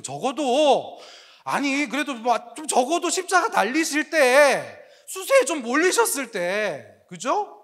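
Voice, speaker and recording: Lively male preacher, high voice that swings wide, jokey and full of rhetorical questions, talking to young adults. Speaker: pastor.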